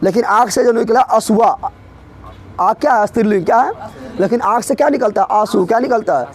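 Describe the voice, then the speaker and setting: A man leads an exam-prep grammar lesson in a high-pitched voice. He drills students with constant rhetorical questions, answering them himself and teasing the class as he goes. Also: brisk, slight background noise. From Bihar. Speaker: teacher.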